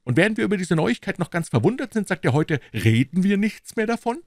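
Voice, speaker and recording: A man doing a loud, smug boastful musketeer. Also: high voice, big pitch swings, fast talker, no echo, studio quality, pitched above the performer's own voice, heavily acted. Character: boastful, self-satisfied adult male musketeer.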